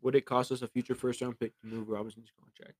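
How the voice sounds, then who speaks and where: A man's voice: mid-range voice, level tone, quick pace, dry recording. Young guy on a sports pod reading fan questions, trips over words a bit, dry close mic. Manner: reads listener questions aloud, stumbles over reading. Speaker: podcast co-host. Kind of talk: casual sports chat.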